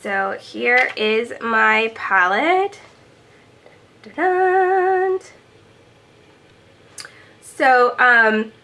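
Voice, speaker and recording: This beauty vlogger, a young woman, speaks in a slightly high, sharp voice. She's filming a casual product update in a small room at home, chatty and upbeat, sprinkling in ums and sounding a little congested from a cold.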